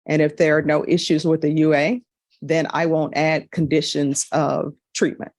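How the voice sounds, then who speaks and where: A woman serving as a judge, speaking in a measured, procedural way, heard in a courtroom recording. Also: low voice, flat delivery, a little mellow, no room sound, clean studio sound. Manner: measured, procedural, plainly spoken.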